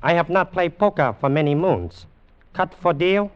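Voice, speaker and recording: An actor playing a proud, cruel warlord general, speaking clipped, broken English. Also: male voice, fairly high pitch, expressive, normal speed, lightly acted. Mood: smooth, cool. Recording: dull lo-fi old film soundtrack.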